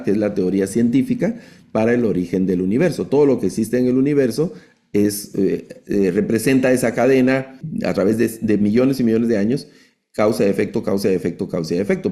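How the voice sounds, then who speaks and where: A man's voice: fairly low pitch, mellow. A man teaching a lesson on logical fallacies, explaining step by step with frequent restarts and repeated words.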